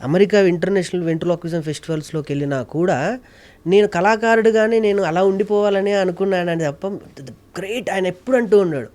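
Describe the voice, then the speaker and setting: A man's voice: high voice, fast talker, darkish tone. A man speaks in a somewhat raised voice, earnest and emphatic. He talks casually in an interview and repeats phrases to drive a point home. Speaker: guest, mimicry artist and ventriloquist.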